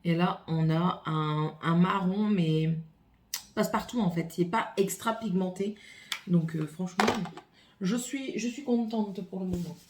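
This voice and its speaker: A woman's voice: on the low side, measured pace, slight background noise. A woman vlogger filming a casual makeup haul at home on her phone, chatting and thinking aloud as she opens and swatches products. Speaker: beauty vlogger. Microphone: phone camera.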